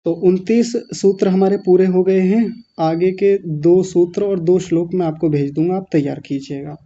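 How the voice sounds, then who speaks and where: A male teacher with a high but very dark, mellow voice guides an online class at a slow, deliberate pace. He breaks long words into pieces and repeats them patiently, correcting learners. The sound is a little dull and muffled. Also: steady tone. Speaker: Sanskrit pronunciation teacher.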